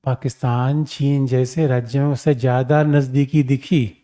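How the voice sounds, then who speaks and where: A male teacher gives a lively exam-prep lecture with a warm, mellow voice. He talks to the class like a familiar elder, calling them his children and throwing rhetorical questions at them. His tone is conversational rather than formal. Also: medium pitch, a little slow. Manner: animated, addresses students as "my children", rhetorical questions.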